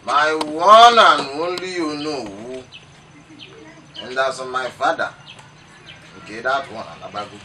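A man's voice: mid-range voice, measured pace, pauses often, a little hiss or hum. A man with a Nigerian accent playing a boastful young man who schemes to become king. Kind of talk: film acting. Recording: distant mic, loud outdoor ambience.

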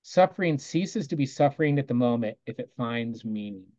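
A man on a video call walks through a lesson he taught, talking casually and quoting what he told his students. His voice is mellow and relaxed at a middling pitch. The sound is dry and slightly muffled. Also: normal speed, no echo. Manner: conversational, quotes himself often with "I go", soft asides. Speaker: teacher presenting a lesson.

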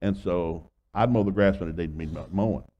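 Older guy preaching, folksy stories, acts out the voices, goes loud then real quiet, kinda muffled recording. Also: low-pitched, a little fast, slight background noise. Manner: folksy storytelling with acted dialogue; animated, swings between loud and hushed. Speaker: guest preacher. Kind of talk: sermon.

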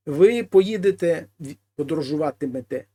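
A man teaching a language lesson: he reads each example phrase, then translates it slowly and explains it. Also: fairly high pitch, animated, mellow. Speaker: Spanish teacher.

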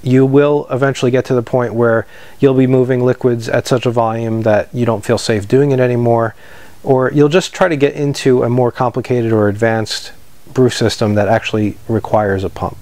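A man in his thirties who sells homebrewing equipment gives a steady, practical how-to talk to camera in a shelved storeroom. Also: mid-range voice, moderate pace, no room sound. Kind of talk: instructional product talk to camera. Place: indoor parts store room with shelves.

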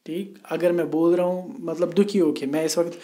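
Man, high and mellow, patient classroom lecturer who keeps checking that students follow. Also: steady tone. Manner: explains slowly, often asking "theek hai?". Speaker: teacher. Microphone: voice only, no camera.

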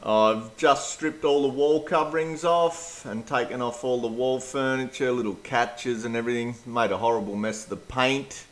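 A man's voice: mid-range voice, steady tone, moderate pace, hardly any pauses. A middle-aged man with an Australian accent, narrating his house renovation in a practical, matter-of-fact way. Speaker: DIY renovator. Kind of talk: casual renovation vlog narration.

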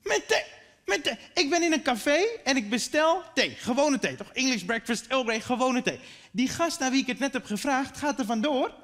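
A man in his thirties doing a stand-up routine on a theater stage into a stage microphone, animated and acting out his relatives. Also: extremely high pitch. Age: 30s. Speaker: stand-up comedian. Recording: echoey theater hall.

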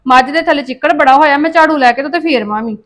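A woman plays a brisk young village daughter with a Punjabi accent. She talks fast in a very high voice, and she sounds impatient and dismissive. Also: natural voice. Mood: irritable. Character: brisk, irritable young daughter busy with farm chores.

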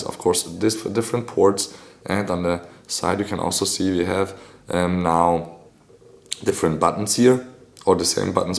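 Hoarse low-voiced man reviewing a phone. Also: darkish tone. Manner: rambling, fillers, non-native phrasing. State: hoarse, clearing throat. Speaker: tech reviewer. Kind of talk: casual product review.

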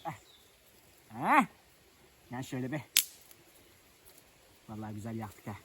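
Against heavy background noise, a man with a lowish voice speaks a little fast while lighting a fire outdoors. It's a casual countryside vlog in which he chats and jokes with his viewers straight to camera.

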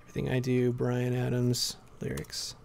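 A man with a hoarse voice chatting casually on a live stream, rambling and reading chat aloud. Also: mid-range voice, completely flat delivery, moderate pace, a little mellow, a little hiss or hum.

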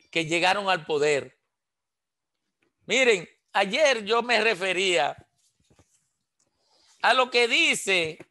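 With a sharp, high-pitched voice, a Dominican man in his sixties offers passionate political commentary as a radio panelist. He joins the video call on a headset from a small indoor room, speaking emphatically, gesturing, and leaning on rhetorical questions.

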